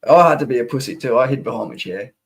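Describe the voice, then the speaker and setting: A man's voice: mid-range voice, animated, quick pace, creaky, slightly rough. An Australian man in casual livestream banter, blunt and slangy, swearing often.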